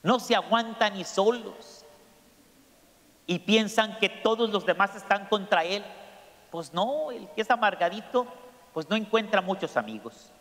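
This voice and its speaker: A priest preaching a sermon, slow and emphatic, putting questions to his congregation. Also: sits high, expressive, fairly bright tone. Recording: echoey church hall.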